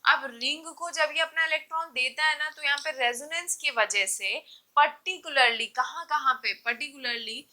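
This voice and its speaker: A woman's voice: high-pitched, normal speed, pushed and bright, low-quality recording. A woman teaching chemistry in a classroom-style lecture, asking rhetorical questions and answering them herself, with light teasing of her students.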